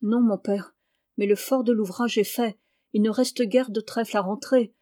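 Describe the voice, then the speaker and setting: A woman's voice: mid-range voice, steady tone, moderate pace, dry recording, lightly acted. Woman doing a kind respectful farm boy, storybook reading, dry voice. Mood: earnest. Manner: gentle, respectful. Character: kind earnest peasant boy, brother.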